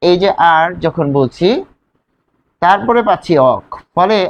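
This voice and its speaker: A man's voice: high voice, animated, unhurried. A man teaching a grammar lesson, explaining step by step and asking his students questions as he goes. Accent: Bangladeshi Bengali.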